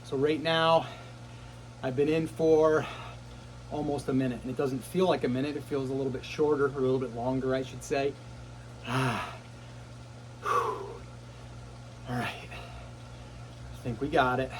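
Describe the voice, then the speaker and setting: A man's voice: medium pitch, flat delivery, a little slow, pauses often, a little hiss or hum, low-quality recording. A middle-aged man sitting in ice cold water, short of breath, talking casually to camera in short phrases with puffs and exclamations. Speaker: vlogger. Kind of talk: casual self-talk to camera. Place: outdoors in a cold plunge barrel.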